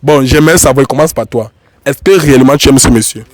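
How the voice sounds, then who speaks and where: Crowd noise fills the background as a Cameroonian-accented YouTube host with a cold speaks at a quick pace. His pitch is medium, and he addresses viewers and guests casually, repeating himself often.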